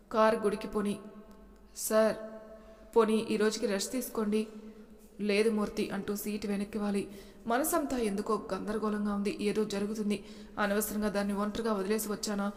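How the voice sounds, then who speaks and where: Woman storyteller, voices every character, flat steady delivery, long reverb around the voice. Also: mid-range voice. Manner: emotional, voices characters with rising intensity. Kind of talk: dramatic storytelling, voicing all characters.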